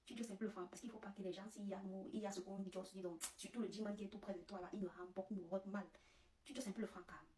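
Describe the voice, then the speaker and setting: A woman's voice: medium pitch, steady tone, rapid-fire, mellow, distant mic, natural voice. A woman voicing a chatty man flirting with a woman at work, mixing English words into his French. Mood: flirty. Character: smooth-talking Cameroonian man flirting at work. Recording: roomy, away from the mic.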